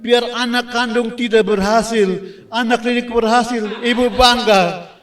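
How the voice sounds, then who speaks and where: Old female teacher in fervent prayer, played by a male preacher, drawn-out, distant mic. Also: extremely high pitch, fairly even intonation, a bit bright, pitched above the performer's own voice. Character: elderly female teacher praying tearfully. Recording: distant mic with faint music behind.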